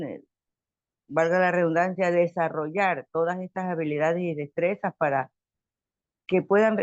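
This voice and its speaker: A man's voice: on the high side, dry recording. A man student speaking politely and earnestly in an online class over a video call. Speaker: course participant. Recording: dry, dull video call audio.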